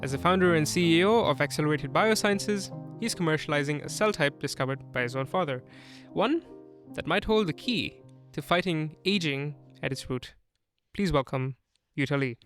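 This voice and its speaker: A man's voice: on the high side, moderate pace, fairly bright tone, soft background music. A man hosting a podcast, reading a scripted welcome and then asking his guest questions. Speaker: podcast host. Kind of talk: scripted intro and interview questions.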